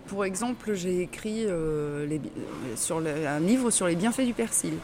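A woman's voice: fairly low pitch, animated, a little slow, background noise. A woman interviewed about her writing, speaking hesitantly with many restarts. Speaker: guest author. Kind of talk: casual interview.

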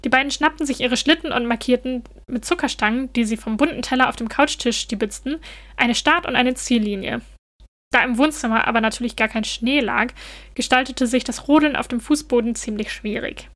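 A woman narrating a children's story in a gentle, even storytelling manner. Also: on the high side, brisk.

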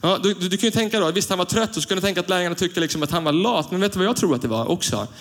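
A man in his thirties gives a sermon. He tells homely anecdotes in an easy, conversational tone, then lifts his somewhat high voice into forceful, repeated declarations. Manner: conversational storytelling, swelling to emphatic preaching. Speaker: pastor.

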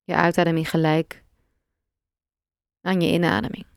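A woman guides a meditation in a somewhat low voice. She speaks gently and calmly, leaving long pauses between short phrases. The recording is dry and close, with very little room sound. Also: gravelly, clean tone, dry recording.

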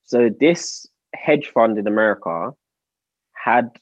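A man's voice: mid-range voice, animated, takes it slowly, dry recording, highs cut off. A young man with a London roadman accent, casually spelling out his points in slang as a podcast co-host. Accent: London, urban roadman slang. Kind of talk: casual explaining and chat.

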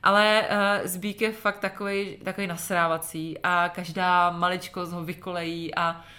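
Co-host: Czech woman, thirties, low-pitched, laughing storyteller, casual swearer. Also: little pitch movement, pushed and bright. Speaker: podcast co-host. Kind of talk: casual chat.

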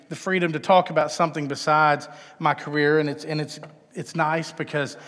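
A middle-aged Texan man, appearing as a conversational guest speaker, gives a live, informal and self-deprecating talk in a large indoor chapel. His voice sits on the high side with a fairly bright tone, and the echoey hall adds a long reverb.

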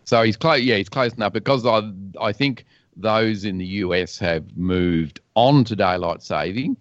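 A man's voice: fairly low pitch, measured pace, dry recording, muffled recording. A man hosting a podcast, chatting casually and rambling with plenty of fillers and restarts. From Australia. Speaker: podcast host. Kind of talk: casual chat.

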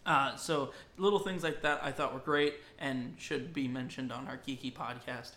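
Bright-voiced man in an echoey room. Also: mid-range voice, fairly even intonation, normal speed. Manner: explanatory, fan trivia, uh fillers. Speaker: podcast co-host. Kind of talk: casual movie review chat.

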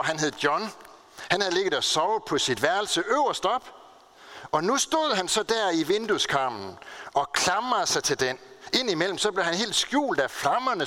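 A male pastor gives a sermon in an earnest storytelling way. His voice sits a little high, rings bright and swings widely in pitch as he leans on key words.

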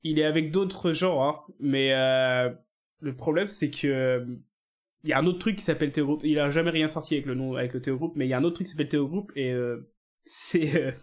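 Chuckling, mocking man, slightly high voice. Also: a little fast. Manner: mocking, laughs often. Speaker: podcast co-host. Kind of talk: casual chat.

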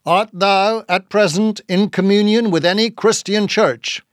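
A man's voice: sits high, steady tone, unhurried, dry recording, clean studio sound, pitched above the performer's own voice. A man voicing a stern, pious old Quaker captain with a hollow voice and archaic, questioning speech. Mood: accusing. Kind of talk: dramatised audiobook reading.

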